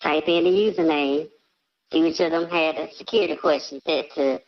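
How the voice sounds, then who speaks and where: A man's voice: on the high side, steady tone, moderate pace, dull audio. An anonymous male caller talking through a voice changer, chill and offhand as he confesses on a call-in show. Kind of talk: casual phone-in confession.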